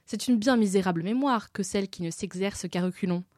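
Woman reading as a storybook queen, breezy, matter-of-fact, quick, dry close sound. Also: mid-range voice, darkish tone, no echo, close to an everyday voice. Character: fussy absent-minded queen, adult woman.

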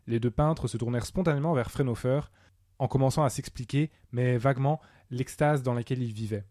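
Un homme qui lit un récit littéraire, de façon posée et expressive. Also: male voice, mid-range voice, no echo, clean studio sound. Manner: expressive, measured reading. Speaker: narrator. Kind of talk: audiobook narration of a classic tale.

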